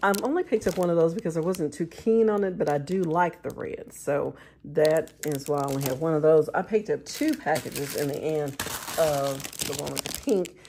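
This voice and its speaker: A middle-aged woman, talking in a chatty, affectionate way as she shows off a shopping haul. Her voice sits a little low. Faint noise is heard behind her. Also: moderate pace, darkish tone. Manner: chatty and affectionate, says y'all, laughs often. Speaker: vlog host. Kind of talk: casual shopping haul chat.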